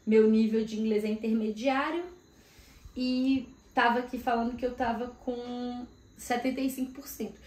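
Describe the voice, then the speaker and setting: A woman's voice: on the high side, steady tone, normal speed, darkish tone. Chatty Brazilian-born woman vlogging. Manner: chatty, thinking aloud with fillers like "né". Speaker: career mentor vlogger. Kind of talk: casual vlog talk to camera. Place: home room in Australia. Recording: echoey room.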